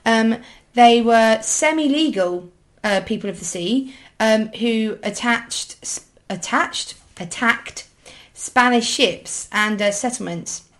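A woman's voice: fairly high pitch, slow pace. A woman co-hosting a casual history podcast, talking hesitantly with many ums and restarts. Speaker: podcast co-host.

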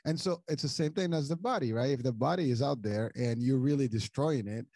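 A middle-aged Moroccan man hosts a casual podcast interview in a clean studio recording with no room sound. His mid-range voice is brisk and warm, and his long, rambling sentences are full of restarts and repeated words.

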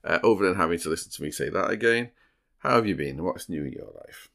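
Very deep-voiced man hosting a podcast. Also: lively intonation, fast, vocal fry, pushed and bright. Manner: teasing, dry humour. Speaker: podcast host. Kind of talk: true crime podcast storytelling with casual banter.

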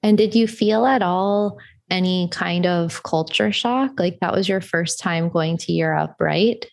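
A woman's voice: on the low side, measured pace, gravelly. An American woman hosting an interview, asking friendly, chatty follow-up questions. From United States. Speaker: host. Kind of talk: casual interview.

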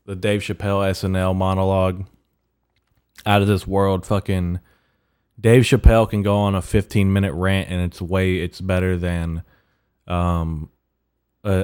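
A man with a raspy morning voice hosting a casual solo podcast, rambling haltingly with profane, slangy bro-talk. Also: low voice, darkish tone. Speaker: podcast host.

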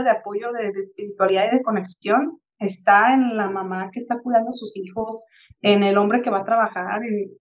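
On a podcast, a thirtysomething Mexican co-host from Tijuana chats casually through a reflective story from daily life, acting out each quoted person with lively animation. She speaks at medium pitch, and the audio sounds dull.

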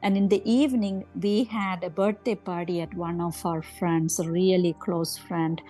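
A middle-aged woman, a grieving mother who recalls a family weekend in a halting, soft way. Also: on the low side, fairly even intonation, soft background music, rough recording. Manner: halting, soft, acts out remembered dialogue. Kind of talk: personal recollection.

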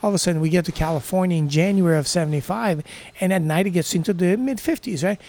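As an interview guest in a casual chat, a Brazilian man in his fifties, a native Portuguese speaker, talks enthusiastically and peppers his speech with surfer slang. His voice is high-pitched and somewhat dark, and he talks fast.

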